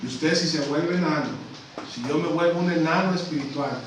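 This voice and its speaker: A man preaching a sermon as a missionary. He keeps calling the congregation brothers and swings between loud emphatic peaks and low, hushed lines. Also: brisk. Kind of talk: Spanish-language church sermon. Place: church sanctuary. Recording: echoey church recording from far off, faint hiss.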